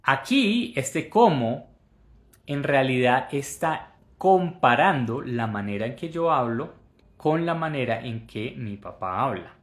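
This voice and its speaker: A man from Colombia teaching English in Spanish, slowly modeling English phrases and repeating them for learners. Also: medium pitch, expressive, reverberant. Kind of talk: Spanish-language English lesson.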